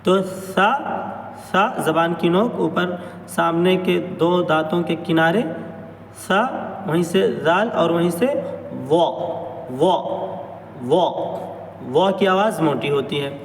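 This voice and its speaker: A man teaching a pronunciation lesson on Arabic letters, drawing out each sound slowly and carefully. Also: on the high side, gravelly. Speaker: Quran recitation teacher. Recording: echoey hall, mic at a distance, faint noise.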